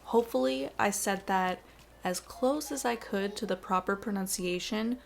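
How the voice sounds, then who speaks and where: A young Canadian woman chatting casually over a video game. She sounds bubbly and talkative, with a middle-pitched voice and a self-deprecating streak. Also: moderate pace, creaky. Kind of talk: casual chat over gameplay.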